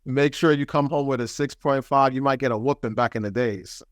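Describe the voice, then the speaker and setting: A man's voice: mid-range voice, no echo, studio quality. A man co-hosting a podcast, joking about parenting and celebrity news in a playful, exaggerating way. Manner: playful, exaggerating, quick to laugh along. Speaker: podcast co-host. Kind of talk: casual pop-culture chat.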